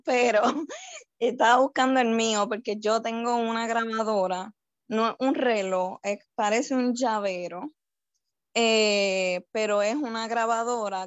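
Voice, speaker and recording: A woman, chatting on a video call in an animated, storytelling way. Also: a little high, a little slow, dry recording, highs cut off. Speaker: guest parent. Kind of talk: casual video call chat.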